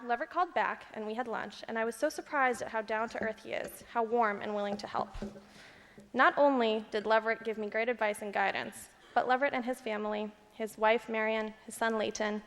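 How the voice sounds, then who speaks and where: In a large indoor event hall with long, echoing reverb, a staffer reads a prepared tribute speech at an awards ceremony on someone else's behalf. Her voice is a little high and fairly bright, delivered quickly with fairly even intonation.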